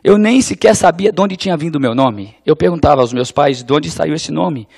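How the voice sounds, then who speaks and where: A man's voice: on the high side, expressive, brisk, gravelly, a little mellow, slightly rough. A man from Brazil giving a reflective, conversational gospel talk with a wry sense of humor. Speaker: preacher.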